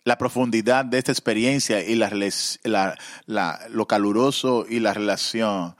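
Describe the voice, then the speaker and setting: A man preaching a sermon, halting with fillers, then rising into fervent, emotional pleas. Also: fairly low pitch, steady tone.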